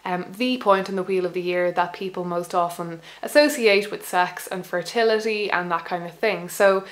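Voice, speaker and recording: A young Irish woman in her twenties, a bilingual Irish speaker, talks to camera as a pagan video blogger. She's casual and reflective but hesitant, with lots of ums, pauses, restarts and soft laughs. Her voice is lowish with fairly even intonation.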